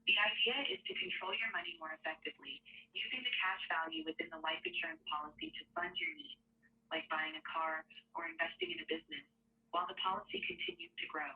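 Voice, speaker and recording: Ai assistant lady on speakerphone, fast and upbeat, muffled lo-fi phone sound. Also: medium pitch, animated, creaky. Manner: fluent, upbeat, helpful. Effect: AI voice heard over a speakerphone. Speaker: AI finance coach assistant. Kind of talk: scripted assistant answers.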